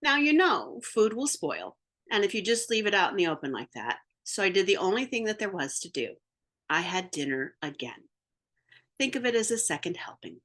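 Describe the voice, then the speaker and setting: A woman reading a picture book aloud, narrating in first person as the wolf, playful and theatrical with sound effects and drawn-out words. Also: medium pitch, big pitch swings, fairly bright tone. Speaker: storybook reader.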